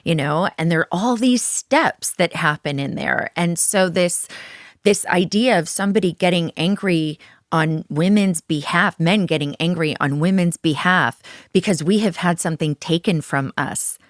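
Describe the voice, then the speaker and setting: A woman podcast host with a somewhat low voice talks in a measured, reflective way. Her sound is close and dry. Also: dry recording. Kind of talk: interview conversation.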